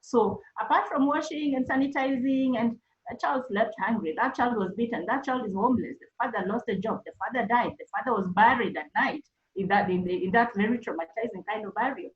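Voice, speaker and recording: A woman's voice: a little high, a little fast. Woman, counselor, earnest advice, roomy echo, muffled online-call sound. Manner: earnest, advising, repeats for emphasis. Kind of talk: webinar talk to teachers.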